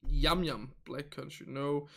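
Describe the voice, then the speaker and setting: A man's voice: a little high, steady tone, takes it slowly, gravelly, bright, forceful tone. A man from northern Denmark with a Danish accent, a native Danish speaker hosting a casual livestream in English, reading viewer chat and rambling chattily while searching for words and laughing often.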